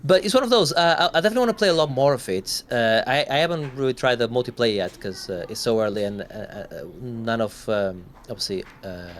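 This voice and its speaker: A man's voice: mid-range voice, animated, fast, hardly any pauses, slight background noise. A man co-hosting a gaming podcast, talking in a rambling, casual way and swearing now and then. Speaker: podcast co-host.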